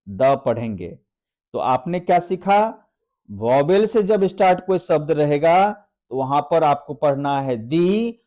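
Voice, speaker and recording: A man gives an English grammar lesson at an unhurried, very slow pace. His voice is dark and mellow and sits a little high. He asks a question and then answers it himself, stretching out each example word. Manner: spells out example words slowly. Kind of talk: classroom-style video lesson.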